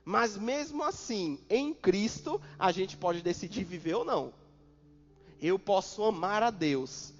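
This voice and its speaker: Brazilian pastor guy preaching, kinda high voice, repeats stuff a lot, long church echo. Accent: Brazilian Portuguese. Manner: preaching with repetition and sudden loud emphasis. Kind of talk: sermon. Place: church hall. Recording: dull church recording with long reverb.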